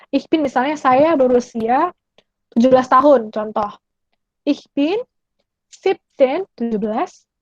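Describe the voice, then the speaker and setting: A young woman from Indonesia teaching German, explaining patiently and repeating phrases slowly. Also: high voice, no echo, lo-fi sound. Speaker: German language tutor. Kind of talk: online language lesson.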